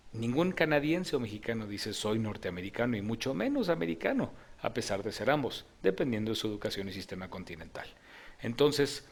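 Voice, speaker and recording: A man narrating a scripted opinion video in a lecturing, argumentative manner. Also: mid-range voice.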